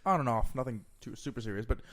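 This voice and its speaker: A man's voice: medium pitch, lively intonation, fast, a bit bright. A young man trading jokes with a friend in casual chat, bursting into laughter. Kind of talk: casual joke-telling chat.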